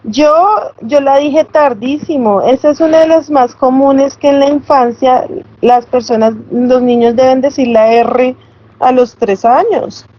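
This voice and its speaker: A woman's voice: high-pitched, unhurried. A woman giving an online lecture, explaining step by step and checking in with tag questions. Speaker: teacher. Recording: slightly dull, lo-fi sound.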